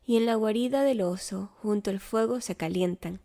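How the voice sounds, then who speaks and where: A woman reading a children's story aloud in a slow, gentle, rhythmic way. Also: medium pitch. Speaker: storybook reader.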